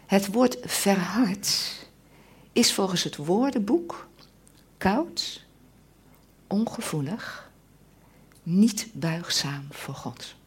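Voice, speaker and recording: Slow, husky-voiced woman preaching. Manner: often drops to an intense whisper; slow and emphatic, with lively swings of pitch. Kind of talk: sermon.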